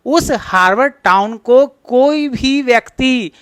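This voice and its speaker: A man's voice: extremely high pitch, slow, a bit bright, clean tone, dry recording. A man with a Bihari Hindi accent teaching an exam-prep English lesson, explaining step by step and answering his own questions. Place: classroom with a board.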